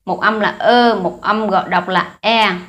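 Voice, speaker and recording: A woman with a Vietnamese accent teaching a language lesson, reading letters and words aloud one by one in a deliberate manner with hesitant fillers. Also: mid-range voice, fairly even intonation, bright, forceful tone.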